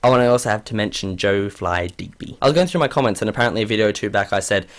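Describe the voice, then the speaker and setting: A man's voice: lowish voice, racing. A young man in his late teens, rambling and self-deprecating in a casual vlog, often tripping over his words. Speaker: vlogger.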